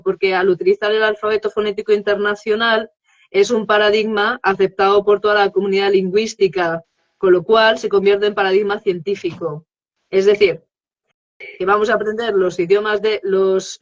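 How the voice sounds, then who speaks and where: A woman's voice: medium pitch, muffled recording. Woman explaining with frequent check-ins. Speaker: guest, English teaching expert. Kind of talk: live interview explanation.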